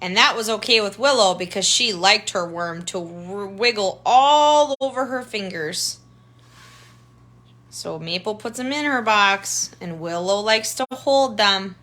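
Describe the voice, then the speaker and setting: Reading aloud from a picture book, a woman tutor sounds animated and fairly bright, her medium-pitched voice moving a little slowly. She speaks simply to the children, explaining bits and pointing things out with questions and comments.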